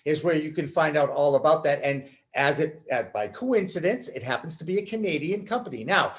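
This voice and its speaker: A man's voice: fairly high pitch, animated, fairly quick. A man in his sixties hosting a casual interview over a video call from home, chatty and enthusiastic. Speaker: host. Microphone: video call webcam.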